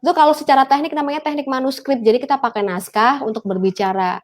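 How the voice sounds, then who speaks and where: A woman's voice: high voice, fairly even intonation, fast talker. A young woman with a Javanese accent, a guest coach explaining public speaking drills in casual talk show chat and demonstrating newsreader-style delivery.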